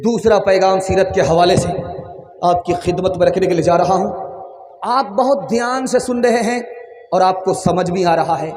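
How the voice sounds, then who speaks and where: A man's voice: high voice, normal speed, darkish tone. A man preaching a religious sermon to a gathering, telling stories with proverbs and acted-out dialogue. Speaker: Islamic preacher. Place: religious gathering before a live audience. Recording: echoey hall with long reverb.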